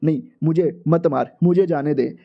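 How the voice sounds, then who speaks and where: A man's voice: fairly high pitch, moderate pace, vocal fry, lo-fi sound. A man doing a blustering rich-kid thug. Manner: blustering, then pleading. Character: arrogant rich young male thug, cowardly.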